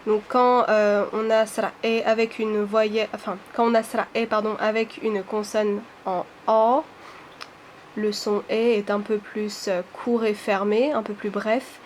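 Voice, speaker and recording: A woman teaching a language lesson, explaining slowly and carefully with many hesitations and sounding out syllables one by one. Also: medium pitch, flat delivery, a little hiss or hum.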